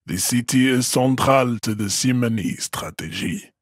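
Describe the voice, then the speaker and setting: A man speaks at a medium pitch and an unhurried pace, recorded cleanly in a studio with no echo and lightly acted. He is an actor voicing an imposing, arrogant supremacist strongman in a video game, lecturing in a pompous, formal, declamatory style full of grandiose contempt.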